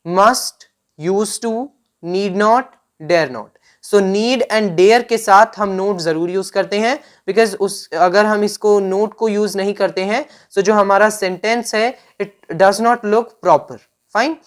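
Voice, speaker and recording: A woman's voice: mid-range voice, extremely slow. A woman teacher with an Indian English accent gives a slide-based grammar lesson. She switches between Hindi and English and keeps checking in with "right?" and "fine".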